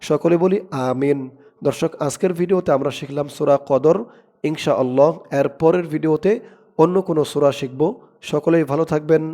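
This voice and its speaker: A man teaching Quran recitation, spelling words letter by letter and chanting them slowly, with quick spoken explanations in between. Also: fairly high pitch, mellow. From Bangladesh. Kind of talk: slow spelled-out recitation lesson.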